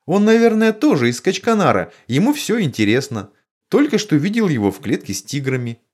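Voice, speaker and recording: A calm, wry circus director explaining things matter-of-factly in a storybook, as a male narrator voices him. His lines rise and fall in lively waves. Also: on the high side, a little fast, pitched above the performer's own voice.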